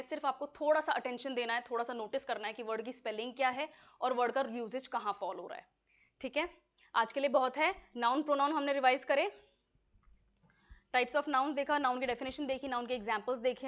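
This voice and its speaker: A woman's voice: high voice, a bit bright. A woman teaching an English exam-prep lesson in Hindi, explaining words step by step and often checking that students follow.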